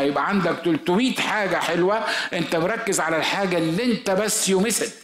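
A man's voice: fairly high pitch, a bit bright. Egyptian male pastor preaching in an echoey room. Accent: Egyptian Arabic. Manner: conversational storytelling preaching, rhetorical questions. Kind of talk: sermon.

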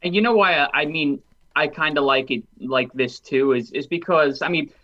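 Guy co-hosting over a dull lo-fi line, bright tone, calm thoughtful takes. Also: fairly high pitch, moderate pace. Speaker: podcast co-host. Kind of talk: casual chat.

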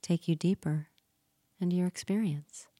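A woman leading a guided relaxation and hypnosis session, speaking slowly and soothingly with gentle repetition and some soft whispered phrases. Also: fairly low pitch, steady tone, no room sound, studio quality.

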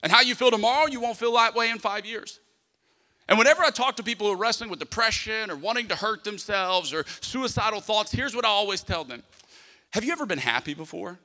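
In a big hall full of long reverb, a preacher with a high, fast, pushed and bright voice addresses his congregation. His sermon mixes emphatic repeated lines meant to be echoed back with humorous personal anecdotes and little acted-out conversations.

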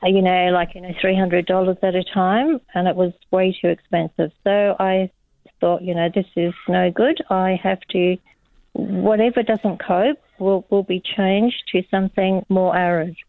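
A woman's voice: on the low side, little pitch movement, normal speed, creaky, dry recording. An older woman, interviewed over the phone as a guest, talking in a modest, chatty way with many "you know"s. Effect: heard over the phone. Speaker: guest, home gardener. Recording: narrow phone line, dry.

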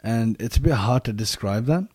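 A man with a mellow, relaxed voice talks through his thoughts in a casual discussion. He often repeats a phrase to stress it, and the recording is close and dry. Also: medium pitch, moderate pace, slightly rough, no room sound.

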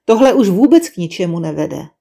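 A lady doing a grumpy old-soul owl, low and sighing, scolds everyone, mellow voice. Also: sing-song, creaky, slightly rough, exaggerated voice. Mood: scolding. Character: grumpy wise female owl, scornful and weary.

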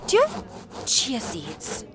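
A woman's voice: fairly high pitch, huge pitch swings, takes it slowly, heavy background noise, full character voice. An actress playing a chatty, fussy young woman ordering at a sandwich counter. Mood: bubbly. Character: bubbly picky young female customer.

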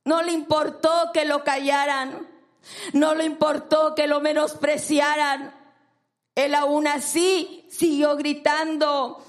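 A woman's voice: high-pitched, level tone, slow pace. A woman preacher delivering a sermon, emphatic and repeating phrases for stress.

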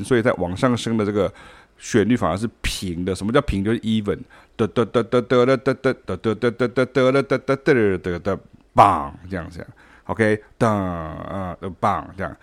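A man's voice: on the low side, a little mellow. A man with a Taiwanese Mandarin accent giving a spoken podcast lesson on music, explaining patiently and singing rhythms in scat syllables. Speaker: music teacher.

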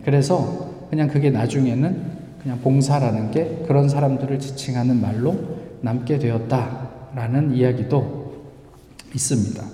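A male pastor giving a conversational sermon, rising to loud, emphatic quotes. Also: mid-range voice. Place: church sanctuary. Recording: echoey church hall.

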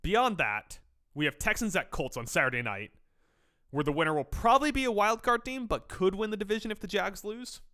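A man co-hosting a sports podcast in casual chat, with wry asides and a quick rundown of the games. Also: sits high, expressive, pushed and bright. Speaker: podcast co-host.

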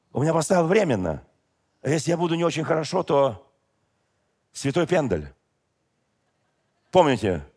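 Casting: middle-aged male pastor, higher-pitched voice, very lively emphatic preaching with quiet asides. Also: husky. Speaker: pastor and bishop. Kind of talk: Pentecostal sermon.

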